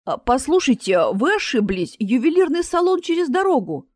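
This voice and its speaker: A woman's voice: sits high, very animated, moderate pace, a little mellow, dry recording, studio quality, pitched above the performer's own voice. A woman voicing an eager, chatty male cafe administrator who talks in polite, salesy patter.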